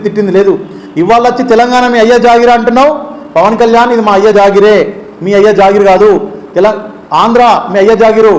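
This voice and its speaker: Man with a Telangana accent, student-leader type. Rapid, heated political tirade, accusing throughout. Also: extremely high pitch. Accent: Telangana Telugu. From Telangana, India. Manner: heated, accusing, rhetorical questions. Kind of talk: political speech to camera.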